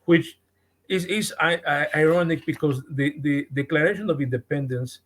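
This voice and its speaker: A man with a Mexican accent, a guest on a podcast, speaking earnestly and haltingly, often repeating words as he restarts. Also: on the high side, fairly bright tone. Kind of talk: podcast interview.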